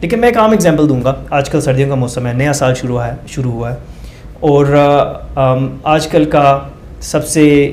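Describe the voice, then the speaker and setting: Speaking at a moderate pace in a mid-range, slightly mellow voice, a male guest doctor walks through research methods point by point. He uses everyday examples, hesitates with fillers, and slips in English phrases. A bit of hiss or hum is audible.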